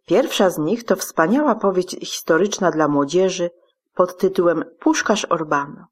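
A woman hosting a radio program, speaking in a formal, measured scripted way. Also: lowish voice, slightly rough. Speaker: radio host. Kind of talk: scripted presentation.

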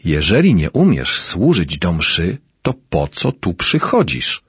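A man with a husky voice voicing an angry, bossy sacristan who scolds a boy. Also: low voice, huge pitch swings, unhurried, a bit bright, no echo, dull audio, exaggerated voice. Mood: scolding.

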